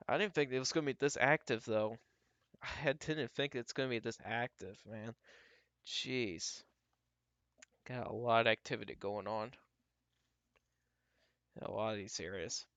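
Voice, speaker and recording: Guy livestreaming storm tracking, casual halting commentary kinda to himself, dry slightly dull mic. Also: medium pitch, pushed and bright, no echo. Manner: talks to himself while scanning, halting and repetitive. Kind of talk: live weather radar commentary, casual and off the cuff.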